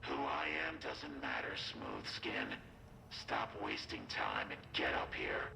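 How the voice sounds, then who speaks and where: An actor playing an impatient, secretive male ghoul in a video game, gravelly, curt and urgent. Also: extremely low pitch, huge pitch swings, slow, very noisy, full character voice. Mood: impatient, commanding. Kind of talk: video game character acting.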